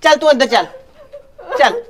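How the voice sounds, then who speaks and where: An actress playing an older village mother who tries to calm her angry son. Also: sits high, moderate pace, slight background noise. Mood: soothing. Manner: soothing, mediating.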